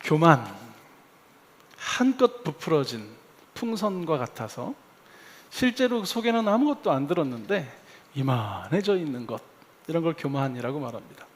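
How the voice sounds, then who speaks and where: A man preaching a sermon as pastor in a church, telling a personal story with lively acted-out asides. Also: on the high side, moderate pace. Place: church sanctuary. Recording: long hall reverb.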